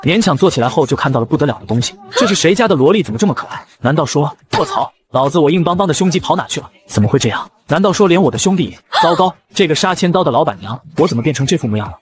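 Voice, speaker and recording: A man's voice: on the high side, expressive, very fast, few pauses. A man narrating a comic story recap in first person, exaggerated and exclamatory. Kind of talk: fast manga recap narration.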